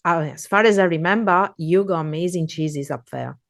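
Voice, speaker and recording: A woman with an Italian accent hosting a casual interview chat, animated and talkative, laughing often. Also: lowish voice, normal speed, creaky, dry recording, studio quality. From Italy. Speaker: podcast host.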